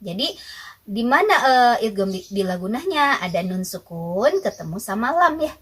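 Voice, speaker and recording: In a recorded tajwid lesson with poor audio, a young adult woman patiently works through Quran recitation rules one step at a time, asking herself questions and then answering them. She speaks at medium pitch and normal speed, very animated, with a breathy edge.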